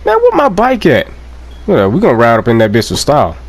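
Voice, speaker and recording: A young man doing loose let's play commentary, cursing and cracking jokes as he plays. His voice is expressive and jumps around in pitch, with a faint game noise in the background. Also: fast talker. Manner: loud, profane, jokey, laughs often. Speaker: gameplay commentator.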